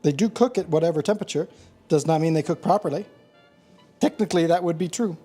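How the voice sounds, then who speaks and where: Dry-humored woman with a dark voice. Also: on the low side, fast, husky, soft background music. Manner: wry, dry humor, matter-of-fact. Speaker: home baker, co-host. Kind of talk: casual kitchen chat. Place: home kitchen.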